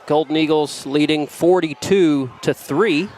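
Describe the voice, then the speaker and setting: A man calls a small-town high school football game in a slightly high voice, trading jokey, rambling asides about food with his partner. Faint outdoor stadium noise sits behind him. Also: a little slow, darkish tone. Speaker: play-by-play commentator. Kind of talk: local high school football broadcast commentary.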